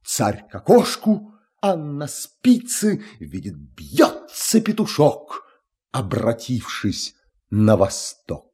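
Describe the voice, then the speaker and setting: A man's voice: medium pitch, huge pitch swings, slow, mellow, husky, heavily acted. A man voicing a tsar's army commander in a fairy tale, speaking urgently. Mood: alarmed.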